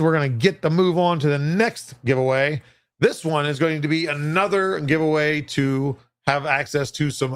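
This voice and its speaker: A man announces giveaways on a livestream in a casual, off-the-cuff way. His medium-pitched voice is recorded dry and close, and he comes across as chatty and self-deprecating. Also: no room sound.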